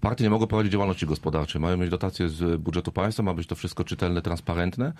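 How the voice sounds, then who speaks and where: A man's voice: low-pitched, quick pace, darkish tone. A man speaking as a guest on a political panel, rambling, with many fillers and tag questions. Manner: rambling, with fillers and "right?" tags.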